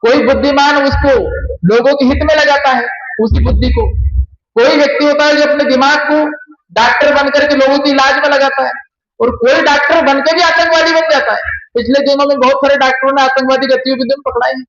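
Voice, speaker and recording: Male preacher, very high voice, sermon style, chants verses, asks rhetorical questions; echoey, muffled recording. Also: flat delivery, fairly quick, a bit bright, a little hiss or hum. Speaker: kathavachak preacher. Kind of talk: devotional sermon with scripture quotes.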